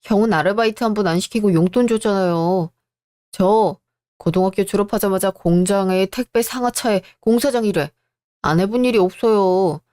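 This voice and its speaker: A hardworking younger son worn down by years of family favoritism, voiced by a woman. He speaks bluntly, with steady bitterness. It is a close, dry radio-drama read. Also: medium pitch, normal speed, no room sound, natural voice. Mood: resentful.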